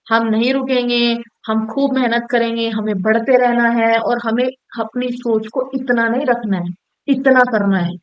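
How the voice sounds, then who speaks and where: A woman's voice: on the high side, steady tone, measured pace, clear, resonant tone, dull audio. A young woman, a student, giving casual motivational career advice straight to her viewers, direct and coaxing, often checking they follow. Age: young adult. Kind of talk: casual motivational talk to camera.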